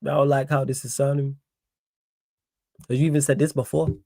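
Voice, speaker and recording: This livestream host is a young Mancunian man who reads out chat messages and fires back indignantly, repeating himself for emphasis. His mellow voice sits at medium pitch, moves little, and runs at normal speed. The studio sound is clean, without echo.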